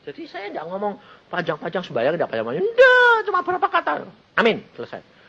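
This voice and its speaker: Animated, lively-voiced male preacher, muffled recording. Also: sits high, brisk, vocal fry. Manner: animated, acts out dialogue in the story. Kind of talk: storytelling sermon.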